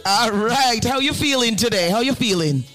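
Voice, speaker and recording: A man's voice: very high-pitched, expressive, moderate pace, sharp tone, soft background music. A man hosting a morning radio call-in show, chatting effusively with callers and repeating his phrases. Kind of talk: upbeat radio chat with callers.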